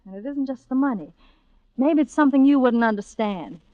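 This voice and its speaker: Young nightclub singer, hard-bitten, guarded, highish voice, wry clipped replies, old radio drama, muffled dry recording. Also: female voice, expressive, brisk, no echo. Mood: defiant.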